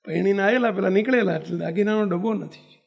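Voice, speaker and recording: Man, storytelling sermon, high voice, gravelly edge, acts out dialogue. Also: fast. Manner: animated storyteller acting out villagers and God in dialogue, with colloquial asides. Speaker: spiritual leader giving a religious discourse.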